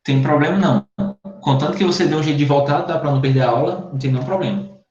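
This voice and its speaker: Brazilian guy teaching english over a video call, kinda high voice, echoey and muffled. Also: fast talker, a little mellow, soft background music. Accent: Brazilian Portuguese. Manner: patient, repetitive, checks in with "tá?" and "né?". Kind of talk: online class explanation. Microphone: computer mic in a video call. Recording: echoey, dull lo-fi call audio.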